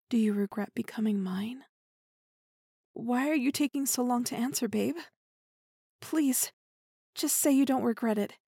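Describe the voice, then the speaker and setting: A clingy, possessive young woman, played by a woman speaks softly in a breathy, fairly high voice, often slipping into a whisper. She lingers between tenderness and quiet menace in an intimate audio drama. The recording is close and dry. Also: no room sound. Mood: probing, pleading. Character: obsessive possessive young woman, clingy, remorseful kidnapper girlfriend. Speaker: voice actor in audio roleplay.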